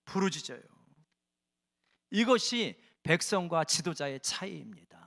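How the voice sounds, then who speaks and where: A man's voice: high voice, gravelly, fairly bright tone. A man preaching a sermon as a pastor in a church, emphatic and full of rhetorical questions to the congregation. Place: church sanctuary.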